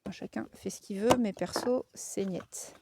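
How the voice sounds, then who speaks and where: A woman's voice: medium pitch, a little slow, gravelly, warm tone, a little hiss or hum. A woman with a Lorraine French accent giving a casual oracle card reading, chatty and frank, with frequent fillers.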